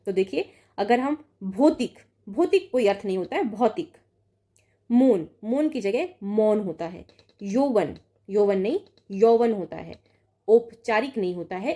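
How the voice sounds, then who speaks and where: With a dark, mid-range voice, a young woman tutors Hindi exam prep online. She reads each word pair aloud, corrects it, and checks in frequently.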